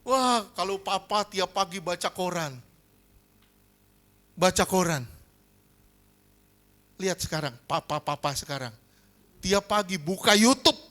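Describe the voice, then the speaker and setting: Male pastor, high bright voice, lively sermon style. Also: a little slow, long pauses. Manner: lively preaching, asks the congregation to agree. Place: church hall.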